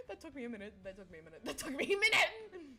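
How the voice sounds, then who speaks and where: A young adult woman chats casually with viewers on a livestream, giggly and scatterbrained as she jumps between topics. Her voice is high-pitched with a sharp tone.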